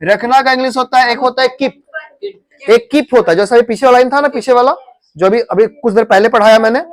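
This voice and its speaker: In a coaching classroom, a man with an Indian accent teaches English grammar, repeating words and drilling pronunciation in a mix of Hindi and English. His voice is very high and fast.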